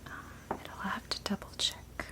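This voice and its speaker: A woman in a whispered role-play as a gentle, sleepy librarian, speaking softly and unhurriedly as she works at her desk. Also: unhurried. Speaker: ASMR performer playing a librarian. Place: small indoor room at a desk.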